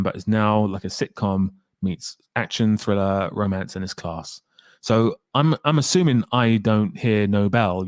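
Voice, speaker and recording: Lively man hosting a live stream. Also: mid-range voice, dry recording, studio quality. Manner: energetic, urging viewers to like; reacting to chat comments one by one. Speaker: livestream host reading viewer chat. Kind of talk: casual live-stream chat.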